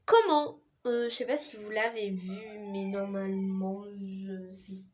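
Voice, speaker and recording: A woman's voice: mid-range voice, steady tone, takes it slowly, darkish tone, a little hiss or hum. Chatty young woman, echoey room. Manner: chatty and rambling, with hums and bits of singing. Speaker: beauty vlogger. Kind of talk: casual chat trying skincare products. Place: small room with a dark curtain.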